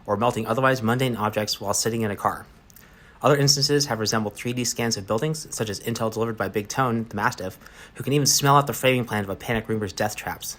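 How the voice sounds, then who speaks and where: A man reads a story aloud at a rapid clip, matter-of-fact and barely pausing. His voice sits low, and he stumbles now and then before pressing on. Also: fairly bright tone. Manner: rapid, matter-of-fact reading with occasional slips. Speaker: reader.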